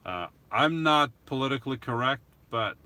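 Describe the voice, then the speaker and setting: A middle-aged YouTube host with a foreign accent chats with live-stream viewers in an animated, mid-range voice at moderate pace, with a sharp tone. He rambles, laughs softly, and restarts his sentences frequently while answering the chat.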